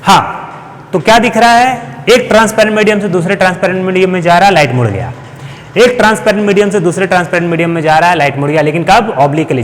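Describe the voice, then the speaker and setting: A man teaches a physics lesson at a board. He explains step by step, often putting a question to the class and answering it himself. His voice rings in a reverberant room, with a faint hiss underneath. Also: sits high. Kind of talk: classroom lecture.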